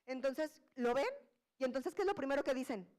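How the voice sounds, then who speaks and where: High-voiced woman preaching a sermon. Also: fairly quick, slight background noise. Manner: lively storytelling, acts out voices of the disciples; colloquial and humorous.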